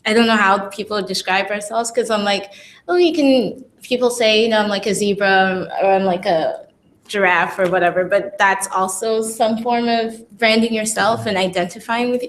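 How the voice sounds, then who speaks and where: A woman's voice: medium pitch, normal speed. Young woman, grad student on a panel, casual, lots of ums, faint noise. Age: young adult. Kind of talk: live panel discussion.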